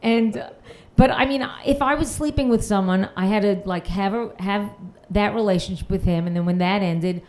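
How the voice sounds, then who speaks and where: A woman's voice: mid-range voice, moderate pace, few pauses, darkish tone. A woman from Queens doing a dry, self-mocking stand-up set on a comedy panel show. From Queens, New York. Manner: dry, self-mocking, reads messages aloud with sarcasm. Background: audience laughter.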